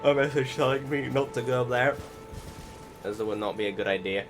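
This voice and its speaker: A man with a medium-pitched voice talks fairly quickly, rambling and hesitating as he casually comments on a video game and swears occasionally. Game music plays behind him.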